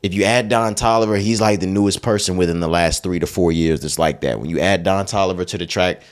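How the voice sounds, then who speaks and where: A young man co-hosting a podcast, talking in an animated, joking way and quick to laugh. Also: deep voice. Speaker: podcast co-host. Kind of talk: casual podcast chat.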